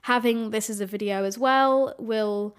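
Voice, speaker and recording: A young woman hosts her podcast alone, chatting casually to a camera at home. Her voice sits a little high and sounds somewhat nasal. She keeps things loose and conversational, not polished. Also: a little slow, smooth. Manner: chatty, relaxed, unpolished. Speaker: podcast host. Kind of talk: casual solo podcast chat. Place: home room with changing sunlight. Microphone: camera setup, recorded for video.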